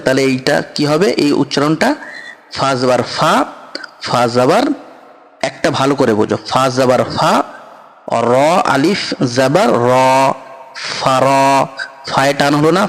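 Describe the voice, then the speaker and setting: A man teaching Quran reading step by step, patiently repeating syllables and often checking that his students understand. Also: mid-range voice. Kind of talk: step-by-step recitation lesson. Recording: long echoing reverb.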